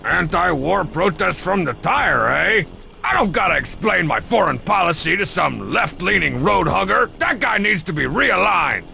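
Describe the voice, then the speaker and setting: A cocky cartoon tyrant for a comedy game. The voice is very gravelly and bright, pompous and mocking, with big theatrical swings. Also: male voice, high-pitched, sing-song, moderate pace, faint music behind, heavily acted. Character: bossy, cocky, sarcastic cartoon would-be dictator.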